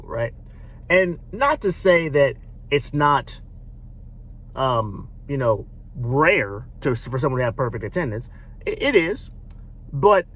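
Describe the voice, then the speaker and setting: Man, thirties, husky voice, lively pitch, casual, emphatic, self-correcting. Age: 30s. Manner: casual, emphatic, repeats and restarts phrases. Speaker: video host. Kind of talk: unscripted opinion monologue.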